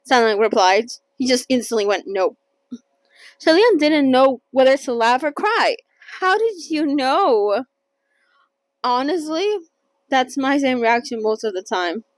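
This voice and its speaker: A woman with a fairly high voice, recorded without echo, hosts a casual, chatty read-along of a novel. She's playful as she reads aloud, often stumbling over words and correcting herself.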